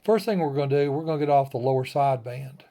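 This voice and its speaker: Speaking fast in a warm, mid-range voice, this ham radio tutorial host keeps things folksy and plain. He guides listeners through a casual demonstration one step at a time, using short phrases.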